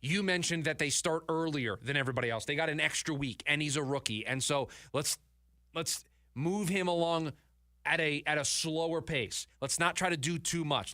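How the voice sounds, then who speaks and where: A male sports radio host chatting in the studio, animated and repeating words when he gets emphatic. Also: fairly high pitch, no echo. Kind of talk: sports talk radio chat. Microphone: studio mic.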